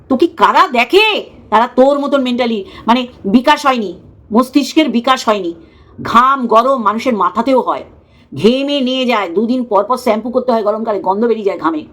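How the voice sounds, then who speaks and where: Woman, commentary rant, scornful, mocking, slightly high voice. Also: fairly bright tone. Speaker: YouTube commentator. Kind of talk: casual ranting commentary.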